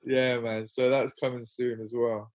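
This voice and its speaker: Appearing as a guest for a relaxed interview chat, this young musician-filmmaker meanders along with self-deprecating humor and plenty of laughter. His medium-pitched voice is level, unhurried and darkish.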